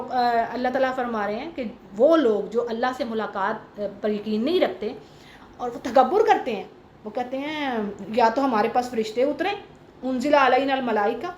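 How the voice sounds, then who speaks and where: A woman's voice: fairly high pitch, echoey room, slight background noise. A woman teaching a Quran commentary class to a small group. She explains patiently, mixes in English terms, recites Arabic verses and asks the class questions.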